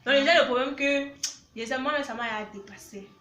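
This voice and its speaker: Young woman drawn to married men, woman acting, rambling, pleading, bright voice, roomy echo. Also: high voice, normal speed, distant mic. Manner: rambling, pleading, dodging questions. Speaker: comedy sketch actor. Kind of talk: comic sketch acting. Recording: roomy echo, voice a bit off-mic.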